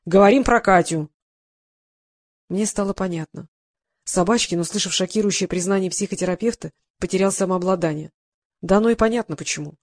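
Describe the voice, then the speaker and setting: A woman narrating a first-person detective audiobook in a lively, ironic storytelling manner. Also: on the low side, fast talker, dry recording, clean studio sound.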